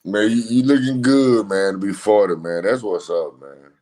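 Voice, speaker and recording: A man's voice: on the low side, a little mellow. A man chatting casually with a friend on a stream, asking questions and teasing him in a friendly way. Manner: friendly, teasing, quick reactions. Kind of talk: casual chat.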